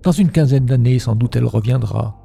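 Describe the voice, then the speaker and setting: A man's voice: medium pitch, fairly quick, gravelly, dark tone, slightly rough, soft background music. A man voicing a female whale in a recited poem, lamenting and coolly polite. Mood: rueful. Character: remorseful, mocking female whale.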